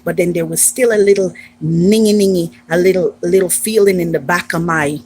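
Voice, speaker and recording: A woman's voice: on the low side, steady tone, moderate pace, darkish tone, slightly rough, low-quality recording. An American woman vlogger frankly recounting her own experiences on a live stream, emphatic and repetitive, now and then slipping into the voices of people she quotes. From United States. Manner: frank, emphatic, repeats herself, slips into acted quotes. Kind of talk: candid personal storytelling on a live stream.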